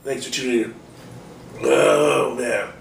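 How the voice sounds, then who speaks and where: Slow-talking man, echoey and distant. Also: mid-range voice, fairly even intonation, creaky, soft background music. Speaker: host of a food challenge show. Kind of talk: casual food challenge vlog. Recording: echoey, distant, noisy ambient sound.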